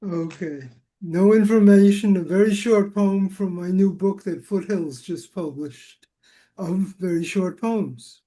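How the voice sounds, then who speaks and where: A man's voice: high voice, slow pace, warm tone. A man poet reading a very short poem twice on a livestream, brief and understated. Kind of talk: poetry reading.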